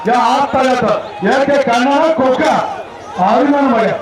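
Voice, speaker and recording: A man announcing live at a bull-taming event, shouting repeated excited calls through a loudspeaker PA in an outdoor arena. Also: unhurried. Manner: repeats short calls, loud excited urging. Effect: booming through a loudspeaker PA. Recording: echoey distant PA with a loud crowd.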